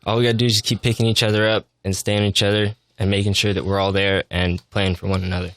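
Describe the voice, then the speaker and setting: A man's voice: on the low side, flat delivery, fast talker, a bit bright, no echo. A young man, a football player, giving casual answers in a sports interview.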